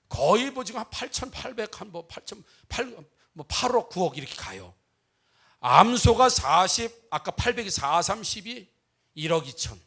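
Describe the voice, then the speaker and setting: A man's voice: high-pitched, a bit bright. A male pastor giving a humorous sermon, telling a Bible story with comic asides and acting out its dialogue. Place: church.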